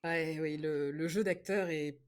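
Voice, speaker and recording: A woman's voice: deep voice, fairly even intonation, unhurried. A woman co-hosting a podcast, chatting casually with friends and laughing often as she explains her pick. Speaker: podcast co-host presenting a film pick. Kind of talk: casual chat among friends. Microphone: online call setup.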